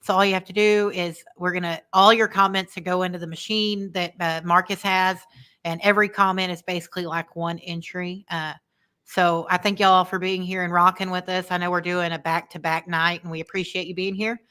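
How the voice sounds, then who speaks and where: A woman's voice: on the low side, flat delivery, fairly quick, pushed and bright, smooth. An American woman talking casually as co-host of a live football fan show. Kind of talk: casual live sports chat.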